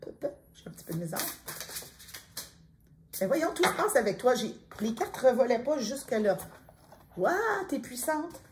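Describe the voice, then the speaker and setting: A middle-aged woman with a Quebec French accent giving a gentle, intimate spiritual card reading, speaking straight to the listener. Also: a little high, very animated, normal speed, long pauses, a little hiss or hum. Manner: soft-spoken, intimate, addresses listener directly. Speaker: tarot card reader.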